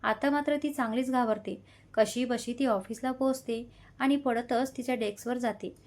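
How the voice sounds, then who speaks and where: A woman reads a romantic story aloud as its narrator. She tells it in a steady, dramatic manner. Her voice sits a little higher than most women's. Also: moderate pace. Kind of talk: scripted narration of a love story.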